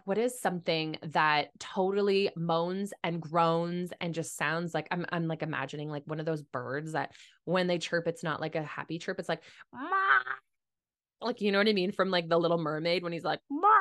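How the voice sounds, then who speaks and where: A woman giving a casual motivational talk to camera, chatty and full of fillers. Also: lowish voice. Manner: chatty, filler-heavy, animated with put-on voices.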